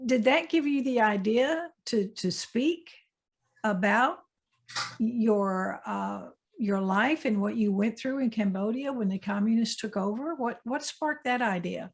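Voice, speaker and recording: A woman's voice: fairly high pitch, measured pace, gravelly, breathy edge. Woman hosting a business interview show. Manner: scripted introduction, then friendly questions. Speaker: host.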